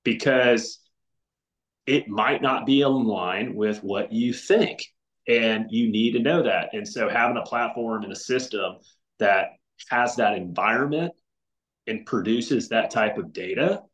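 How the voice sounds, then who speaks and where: Earnest and prone to restarting his sentences and using fillers, a middle-aged man talks as a podcast guest on a casual video call. His voice sits on the low side with a fairly bright tone. The roomy echo comes from a home room with windows.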